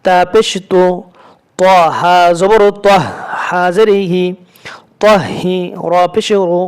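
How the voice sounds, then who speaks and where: A man teaching Quran reading, spelling out letters and vowels syllable by syllable and chanting the words slowly. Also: sits high, fairly even intonation, clean tone. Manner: slow syllable-by-syllable drilling, drawn-out chanted recitation.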